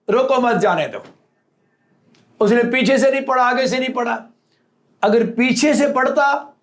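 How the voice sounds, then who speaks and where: A man preaching a sermon, teaching by example and acting out quoted lines with rising emphasis. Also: extremely high pitch.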